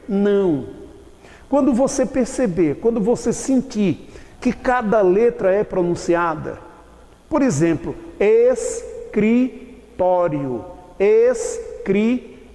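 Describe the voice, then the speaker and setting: A man teaching a grammar lesson, explaining slowly and often checking whether his students have understood. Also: extremely high pitch, darkish tone, in a large hall. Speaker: Portuguese teacher. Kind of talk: classroom lecture.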